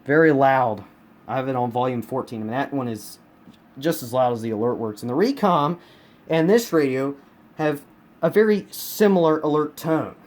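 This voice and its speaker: A US radio collector shows his collection in an unscripted, easygoing review, his voice medium-pitched and darkish at normal speed. He tends to repeat things for emphasis. Filming happens indoors at home on a handheld camera, with him behind it and clear room noise in the background.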